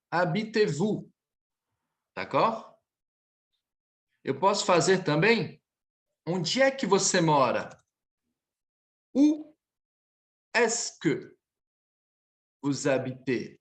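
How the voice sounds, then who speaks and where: A male French teacher leading a live online class, his voice rising and falling in a lively way. He explains patiently and repeats phrases slowly for his students. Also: a little high.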